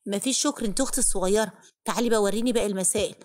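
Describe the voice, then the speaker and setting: A woman's voice: medium pitch, rapid-fire, natural voice. A woman with an Egyptian accent voicing a kind, reassuring older sister in a spoken story. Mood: helpful. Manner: gentle, reassuring.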